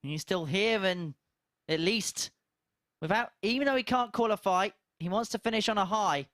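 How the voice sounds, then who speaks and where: A man's voice: sits high, normal speed, a bit bright, no room sound, clean studio sound. A man from southern England with a southern English accent, giving casual live darts commentary and chatting with a colleague.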